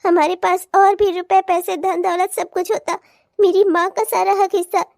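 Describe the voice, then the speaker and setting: A woman's voice: very high-pitched, flat delivery, moderate pace, vocal fry, a little mellow, no room sound, clean studio sound. A woman voicing a tearful young bride. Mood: grieving. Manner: emotional, anguished. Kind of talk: cartoon voice acting.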